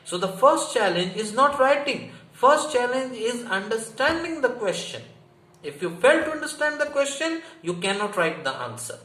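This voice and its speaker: Speaking at a moderate pace, a male history teacher with an Indian accent uses an extremely high, pushed, bright voice that swings widely in pitch. He teaches an exam prep lesson emphatically and didactically, often repeating key phrases and asking rhetorical questions. The room is echoey, with faint background noise.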